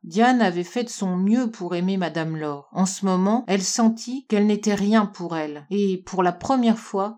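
A woman narrates a storybook in a calm, measured way. Her voice is mellow and warm, at an ordinary pitch. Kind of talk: storybook reading.

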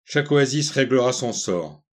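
Rem, a man doing a calmly scornful water chief. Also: mid-range voice, normal speed, lightly acted. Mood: stern. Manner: tranquil scorn. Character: stern older male water chief, calmly contemptuous.

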